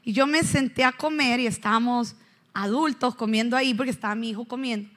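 Woman pastor, thirties, lively storytelling sermon, high voice, engages congregation. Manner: animated storytelling with questions to the congregation. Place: church.

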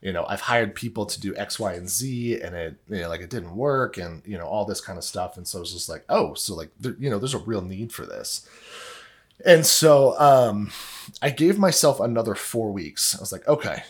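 A man's voice: fairly low pitch, animated, normal speed, breathy edge. A young man casually telling his own story as a podcast host, rambling with lots of "like" and "um". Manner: rambling, heavy on "like" and "um".

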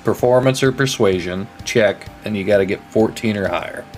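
A man's voice: lowish voice, moderate pace, soft background music. A man narrating a tabletop role-playing game as game master in a casual style.

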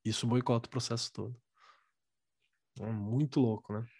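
A man's voice: medium pitch, fairly even intonation, normal speed, darkish tone, breathy edge, no room sound, clean studio sound. A man with a Brazilian Portuguese accent hosting a casual book discussion, colloquial and jokey.

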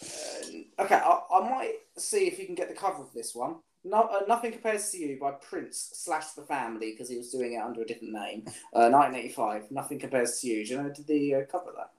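A man's voice: medium pitch, fast talker, hardly any pauses. A man hosting a podcast, chatting casually and quizzing his guest with many restarts and fillers. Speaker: podcast host. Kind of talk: casual chat. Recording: echoey room.

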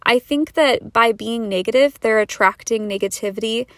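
A woman's voice: fairly high pitch, normal speed, no echo, studio quality. A young woman hosting a podcast, talking earnestly and casually with lots of fillers, a little out of breath. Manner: earnest, chatty, fillers like "like" and "you know". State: a bit out of breath from talking fast. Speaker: podcast host. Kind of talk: casual solo podcast monologue.

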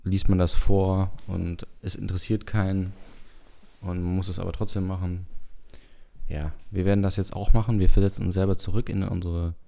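A man hosting a casual radio podcast in a rambling monologue, with a gravelly smoker's rasp, sounding a bit tired. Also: deep voice, flat delivery, moderate pace, dark tone. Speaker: podcast and radio show host.

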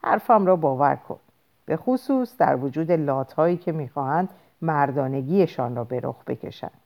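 A woman voicing a gentle, wise older male mystic who speaks softly and confidingly. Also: low voice, expressive, voice pushed down.

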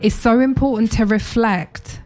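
A woman's voice: a little high, fairly even intonation, measured pace, darkish tone. A woman, explaining things earnestly in a casual podcast discussion as a host.

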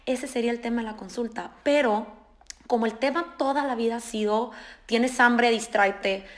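Speaking briskly in a voice on the high side, a female nutritionist explains topics during a casual podcast chat. She's lively and explanatory, performing her patients' quotes as she goes.

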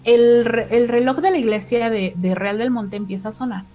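A woman's voice: on the high side, moderate pace, mellow, lo-fi sound. A middle-aged woman with a Mexican accent tells a story in casual chat and acts out the quoted dialogue in shifting voices.

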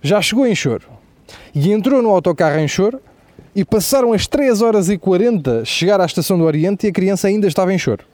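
Rapid, profane Portuguese comedian. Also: male voice, high voice, no room sound. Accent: European Portuguese. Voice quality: profane, animated storytelling with asides. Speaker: comedian host. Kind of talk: stand-up comedy monologue.

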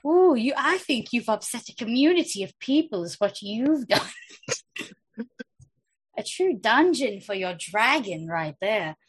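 A woman's voice: fairly high pitch, sing-song, takes it slowly, breathy edge, rough recording. A woman playing a tabletop game, speaking in character in a flustered, rambling way. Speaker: player. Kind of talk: in-character role-play.

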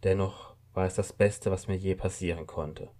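A man's voice: deep voice, fairly even intonation, normal speed, dark tone, close to an everyday voice. A man voicing a stern, snippy woman of about thirty who holds the upper hand. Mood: firm, cool. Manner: snippy, firm, commanding. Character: stern red-haired woman around thirty, armed rebel.

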